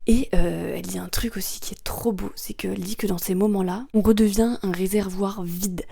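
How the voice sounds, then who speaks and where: A young woman in her twenties talks casually as a vlogger. Her voice is warm-toned and relaxed, at a medium pitch. She speaks in an informal, slangy, confiding way, reflecting as she goes. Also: gravelly, breathy edge, no echo. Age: 20s.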